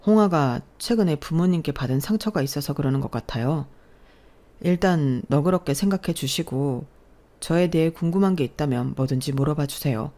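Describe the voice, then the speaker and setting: A woman voicing a gentle, polite boyfriend in his thirties who speaks softly. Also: deep voice, a little fast, close to an everyday voice. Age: 30s. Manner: polite, soft-spoken. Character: gentle calm young man, the boyfriend.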